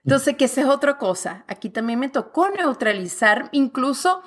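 A woman from Venezuela with a Venezuelan accent, speaking as a guest in a relaxed, expressive conversation. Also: high voice, moderate pace. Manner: lively, expressive, talks with her hands. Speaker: guest author. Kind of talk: casual conversation. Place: lives in Canada.

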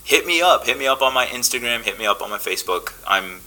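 Chatty young man with bright tone. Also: medium pitch, fast, poor audio. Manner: relaxed, chatty, many fillers and restarts. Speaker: podcast guest, actor. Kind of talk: casual podcast conversation.

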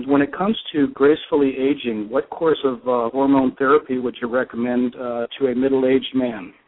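A middle-aged man from Southern California calls in to a radio show over the phone. His medium-pitched voice comes through thin and tinny, like a phone line. He talks politely and a little haltingly, with fillers. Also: steady tone. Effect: radio call-in caller heard over a phone line. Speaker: caller. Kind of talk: casual call-in question.

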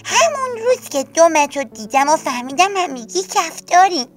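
A woman voicing a small monkey girl who blurts things out in a high voice. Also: big pitch swings, distant mic. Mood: blurting.

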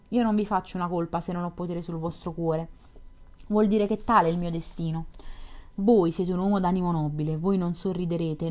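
A woman's voice: mid-range voice, darkish tone, close to an everyday voice. A woman reading as an earnest young dreamer. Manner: earnest, persuasive, fervent.

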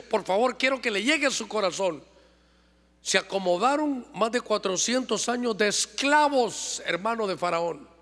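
A man's voice: high voice, vocal fry, pushed and bright. Impassioned middle-aged male pastor preaching. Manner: impassioned preaching, addressing the congregation as "hermano", with call-and-response. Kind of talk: sermon. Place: church. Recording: long church-hall reverb.

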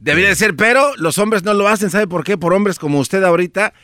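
A radio co-host with a bright, slightly high voice pushes back hard in argument. He mocks his partner and keeps interrupting. The sound is close and dry. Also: fast talker, no room sound. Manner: combative, defensive, mocking. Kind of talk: casual studio banter.

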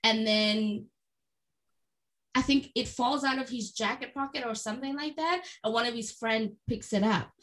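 A young adult woman in casual chat, telling a story in an animated, expressive way and swearing freely. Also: on the high side, normal speed.

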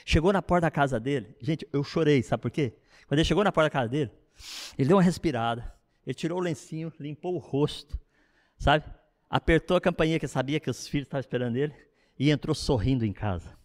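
A middle-aged man, a pastor, preaching a sermon in an animated, conversational way with frequent asides to the congregation. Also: on the high side, fast talker, big-room sound.

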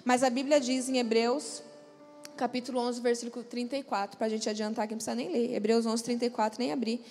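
Woman, pastor, high voice, emphatic sermon, long church-hall reverb. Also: little pitch movement, quick pace, darkish tone, soft background music. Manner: emphatic preaching, calling out to the congregation for responses.

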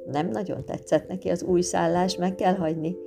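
A woman narrating a storybook tale in a lively, expressive reading, with guitar music behind. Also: fairly low pitch, gravelly.

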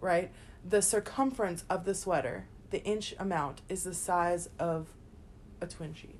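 A woman's voice: lowish voice, unhurried. A woman in her twenties co-hosting a podcast, chatting bluntly and swearing freely. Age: 20s. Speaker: podcast co-host. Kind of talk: casual chat. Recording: faint background noise.

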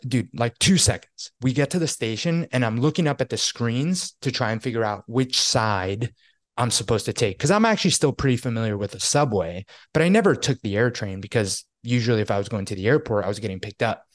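In clean, dry studio sound, a young man from New York co-hosts a podcast, spinning an animated, offhand story full of filler words in a medium-pitched voice that runs a little fast.

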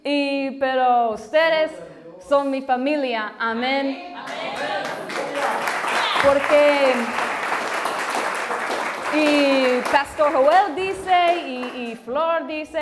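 A woman's voice: high-pitched, extremely slow, long pauses. A woman preaches in imperfect, as a visiting missionary, hesitating and repeating phrases as she searches for words. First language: English. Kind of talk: halting church sermon in imperfect Spanish. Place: village church before a congregation. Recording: live church crowd, background noise.

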